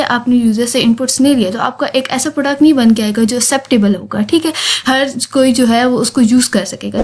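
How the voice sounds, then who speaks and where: A woman giving an exam-prep lecture, reading English lines slowly and then explaining them in Hindi, checking in often with "theek hai". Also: fairly high pitch, a little mellow.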